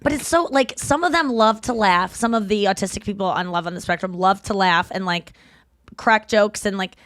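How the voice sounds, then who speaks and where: A woman in her thirties hosting a podcast in casual, candid chat, full of fillers and quick giggles. Her voice sits mid-range. It is recorded dry and close, with no room sound. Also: mid-range voice, a bit bright, no echo. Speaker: podcast host.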